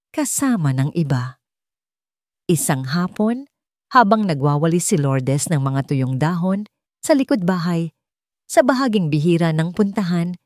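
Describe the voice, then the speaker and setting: A woman with a Filipino accent narrates a scripted dramatic story. Her voice sits low and has a darkish tone, captured in a clean studio with no room sound.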